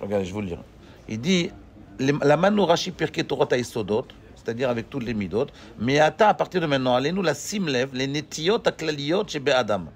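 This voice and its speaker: A man teaching a Torah class, animated, asking his students questions and joking with them. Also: mid-range voice, brisk.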